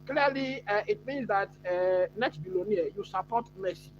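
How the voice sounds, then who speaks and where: A man's voice: high voice, moderate pace, muffled recording, background noise. Chatty Ghanaian man hosting a live stream. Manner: chatty, answers live chat, many fillers. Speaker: watch-along host. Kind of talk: live stream football chat.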